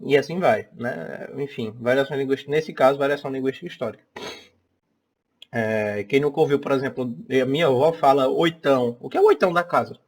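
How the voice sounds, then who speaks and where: Speaking briskly at a medium pitch, this young Northeastern Brazilian teacher leads an online class. His chatty delivery is sprinkled with frequent "tá?" and "né?" check-ins.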